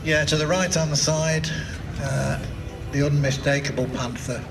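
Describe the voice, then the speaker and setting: A man's voice: a little high, fairly even intonation, unhurried, over music. A man working as an airshow commentator, chattily explaining the live display to the crowd. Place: outdoor airfield at an airshow. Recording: loud aircraft and outdoor noise.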